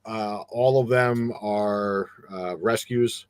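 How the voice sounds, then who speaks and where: A man's voice: fairly low pitch, steady tone, slow pace, smooth, dry recording. A middle-aged man with a New Jersey accent, chatting casually as a guest and rambling with many fillers and restarts. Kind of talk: casual chat.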